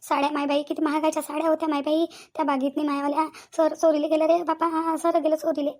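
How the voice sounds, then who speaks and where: Woman as a fussy, whiny cartoon village aunt, high and rapid. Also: flat delivery, darkish tone, natural voice. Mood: lamenting. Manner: fast, wailing, whiny complaining. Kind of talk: cartoon comedy voice acting.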